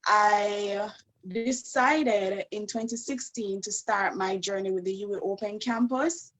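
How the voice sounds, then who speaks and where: A woman's voice: medium pitch, takes it slowly, low-quality recording. A woman with a Jamaican accent speaking in a friendly, candid way as an interview guest. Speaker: guest graduate. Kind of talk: conversational interview.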